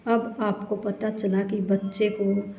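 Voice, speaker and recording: A woman's voice: mid-range voice, level tone, slow pace, natural voice. A woman voicing a witty, playful courtier in a sly, teasing storybook reading. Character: witty clever courtier, grown man, playful. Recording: roomy, dull lo-fi recording.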